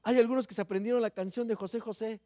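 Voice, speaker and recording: A man preaching a sermon, swinging between loud emphatic phrases and low hushed words. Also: fairly even intonation, fast talker.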